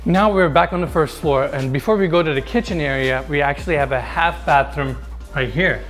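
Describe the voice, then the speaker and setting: Music plays under a slightly high male voice speaking fairly quickly. He's in his thirties, hosting an easygoing tour of a large basement and talking enthusiastically straight to viewers via a lapel mic.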